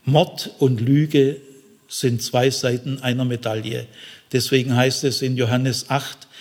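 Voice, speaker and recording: A man preaching a sermon in a folksy way, often tagging his sentences with a questioning aside. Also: medium pitch. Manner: folksy, frequent tag questions. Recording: long reverb in a hall.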